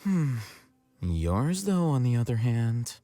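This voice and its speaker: A man's voice: mid-range voice, big pitch swings, takes it slowly, mellow, faint music behind. An actor playing a cool, sardonic young male scribe in a video game, dry and teasing.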